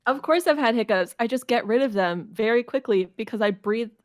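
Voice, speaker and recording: A woman's voice: fairly high pitch, animated, a little fast, no room sound, studio quality. A woman co-hosting a casual group podcast, speaking in an insistent, matter-of-fact way. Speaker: podcast co-host.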